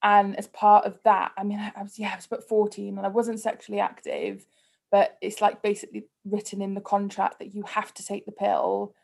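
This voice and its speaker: Her mid-range voice is flat, creaky, husky and a little mellow, and she talks fairly quickly with a Cardiff Welsh accent. This Cardiff native chats candidly as a podcast guest in a relaxed personal interview, leaning heavily on "like."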